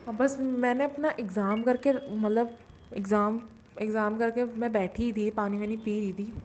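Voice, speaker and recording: A woman's voice: on the high side, steady tone, moderate pace, a little mellow. A young woman in her late teens giving an earnest devotional testimony. She often repeats herself and starts her sentences over. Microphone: self-recorded audio. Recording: muffled lo-fi audio with faint hiss.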